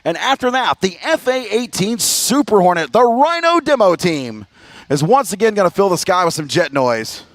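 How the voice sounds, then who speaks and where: A male American airshow commentator with a notably high-pitched voice, recorded dry and close. He announces to the crowd like a showman, stretching out key phrases for emphasis. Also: very animated, moderate pace, no echo.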